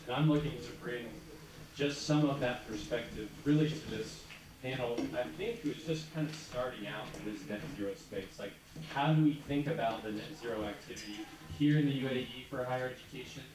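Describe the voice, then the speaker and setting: A man moderating a panel discussion in a relaxed, conversational way. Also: medium pitch, a little fast, a crowd in the background. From United States. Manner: relaxed, conversational, informal fillers. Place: large conference hall. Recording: echoey hall from far off with audience.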